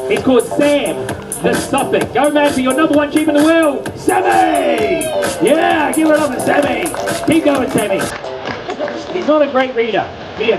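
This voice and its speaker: A middle-aged man presenting a live sheep show, joking and hyping the crowd. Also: extremely high pitch. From New Zealand. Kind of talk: live stage show patter. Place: outdoor county show stage. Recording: far from mic, music playing.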